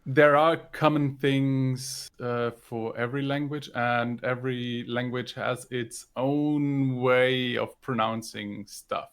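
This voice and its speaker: A man's voice: medium pitch, fairly even intonation, slow, few pauses, fairly bright tone, smooth. A man whose first language is German, co-hosting a podcast and chatting thoughtfully with some hesitation. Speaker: podcast co-host. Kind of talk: casual podcast chat.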